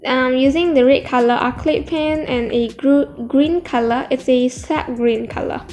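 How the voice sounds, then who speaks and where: High-pitched woman talking with braces. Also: steady tone, a little mellow, soft background music. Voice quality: speech slightly affected by new dental braces. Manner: halting, self-correcting, hesitant. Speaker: craft tutorial host. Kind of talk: casual hands-on tutorial narration.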